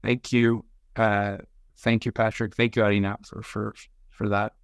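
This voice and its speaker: A male webinar moderator hands over to the next speaker. His voice is smooth and clear but halting. The recording is dry and close. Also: lowish voice, level tone, dry recording. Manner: hesitant, halting. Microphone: video call.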